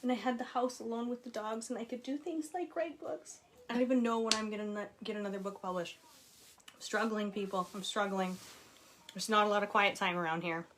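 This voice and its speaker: Reading her book aloud at home while children are nearby, a woman speaks at medium pitch with a steady, somewhat bright tone and a fairly quick pace. There's a little hiss or hum, and she often laughs and wanders into personal chatter.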